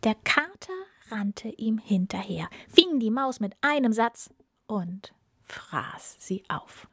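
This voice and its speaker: A woman in whispered storytelling, reading a fairy tale aloud in a soft, unvoiced whisper. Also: medium pitch, slightly rough, no echo, clean studio sound.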